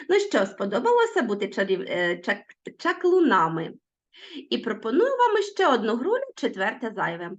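A woman teacher talks her pupils through a recorded lesson. Her fairly high voice swoops up and down in a sing-song way. The sound is a little dull and lo-fi.

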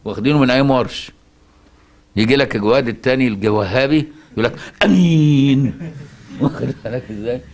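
Egyptian male Quran teacher, brisk chatty delivery, checks in with the class, chants verses slowly. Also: mid-range voice. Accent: Egyptian Arabic. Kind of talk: colloquial religious lesson.

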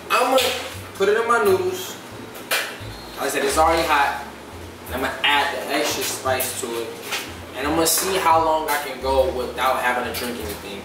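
A man in his twenties chatting casually in street slang to camera, hosting a food challenge vlog in an animated, exclaiming way. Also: medium pitch, recorded from a distance, background noise. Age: 20s. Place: home kitchen, indoors. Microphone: camera a few feet away. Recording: very echoey room, off mic, music behind. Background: music.

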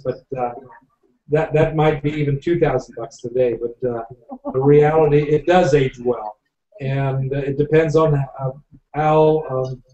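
A winery owner, an older man with a slightly high, slightly mellow voice, leads a live tasting on a video call from his home office. He talks at length, full of fillers, and the far-off webcam makes the audio dull and echoey.

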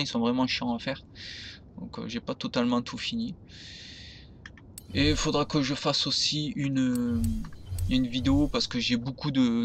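A gaming video creator gives casual, unscripted game commentary, rambling and tripping over his words. His mid-range voice is fairly bright, and the home recording is noisy.

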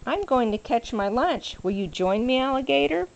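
An older woman voicing a busy storybook crocodile who asks a friend for help, in a creaky, questioning way. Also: sits high, lively intonation, normal speed, highs cut off, pitched above the performer's own voice. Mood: busy, inviting. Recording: noisy home video recording.

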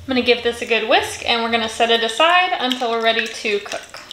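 A woman's voice: fairly high pitch, animated, fast talker, bright, forceful tone, echoey room, a little hiss or hum, poor audio. A woman giving a friendly step-by-step cooking voice-over in a home kitchen. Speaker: cooking channel host.

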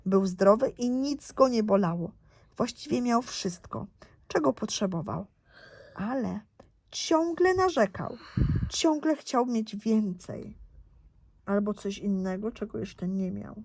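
A woman's voice: medium pitch, slow pace. A woman reading the part of a kind, caring grandmother telling her grandson a story. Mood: gentle. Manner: gentle storytelling, read aloud.

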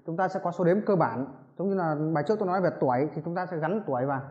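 Vietnamese man, language teacher, rambling explanations, slow repeated drills, roomy muffled recording. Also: fairly high pitch, a little mellow. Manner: rambling, self-correcting explanations, slow drawn-out drilling of numbers. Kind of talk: recorded classroom-style lesson.

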